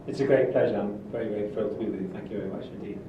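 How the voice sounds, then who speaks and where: A Welshman in his sixties, a shipping consultant appearing as a podcast guest, tells stories conversationally in courteous, old-fashioned phrasing. His voice sits on the low side and comes rapid-fire, with dull audio and background noise.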